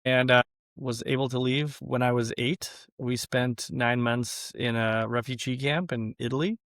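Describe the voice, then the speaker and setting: A middle-aged company president with an American accent chats casually as an interview guest; his first language was Yiddish, and he was born in Lithuania before growing up in Russia and the US Midwest. His mid-range voice is steady, unhurried, and a bit bright, recorded in clean studio sound without echo.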